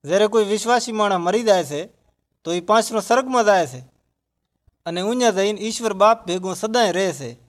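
A man's voice: high voice, animated, a little fast. A man in a scripted religious dialogue, earnestly explaining his faith to a grieving villager.

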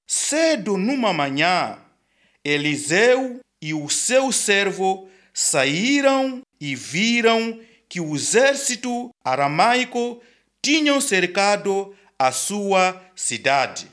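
Very slow, expressive storybook narrator. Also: male voice, sits high.

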